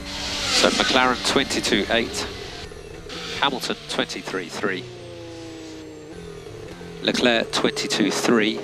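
Loud music plays under a low male voice that moves slowly and pauses at length. It's a race engineer reading out clipped instructions and timing figures on team radio, with the racing transmission noisy and full of vehicle noise.

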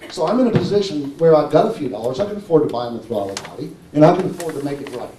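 A man giving an animated conference talk who keeps checking in with "okay?" and "right?" as he presents his engine modification. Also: a little high, very fast, slight background noise. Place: conference hall. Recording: echoey hall, mic far off.

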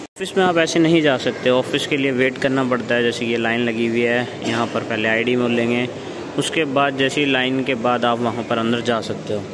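Filming himself on his phone's front camera at arm's length, a young man gives a casual walking tour of a shopping mall and talks directly to his viewers. He speaks at a normal speed in a mid-range voice with fairly even intonation, against a noisy background.

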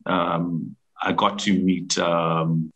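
A man in his thirties from Zimbabwe, a business founder telling his story over a video call in a halting, restarting way. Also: low voice, flat delivery, a bit bright, dull audio. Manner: halting, many restarts and fillers. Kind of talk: casual interview storytelling. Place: room at home, indoors.

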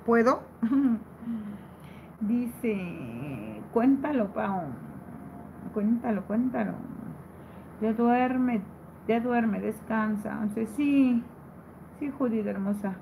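A woman hosts a relaxed live stream, reading her viewers' comments aloud and answering each one with playful affection. Her voice sits a little high, and she talks at an unhurried, drawn-out pace. There is a faint hum of noise behind her. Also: creaky. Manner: playful, teasing, laughs often. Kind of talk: casual live stream chat.

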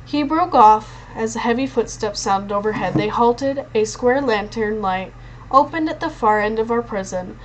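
A woman's voice: on the high side, unhurried, dull audio, a little hiss or hum. A woman reading a novel aloud in the first person, with frequent slips and restarts. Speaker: reader.

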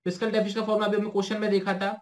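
Young Indian male tutor, high voice, fast explainer who quizzes himself and reads English prompts slowly. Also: monotone. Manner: brisk explaining, slow careful reading of English questions; asks himself questions and answers them. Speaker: teacher. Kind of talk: exam-prep lesson talk.

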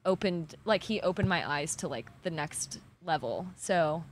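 A woman's voice: low-pitched, animated, measured pace, a little hiss or hum. A young woman, an athlete guest, talking chattily with lots of "like" into a handheld mic on an outdoor patio. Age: young adult. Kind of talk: casual interview.

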